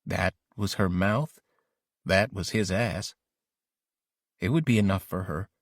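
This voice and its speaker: In a deep voice, taking it slowly, a man narrates an audiobook diary as an ambitious, lovesick teenage boy. The studio-quality recording has no room sound, and his delivery is brooding, introspective, self-questioning and intense.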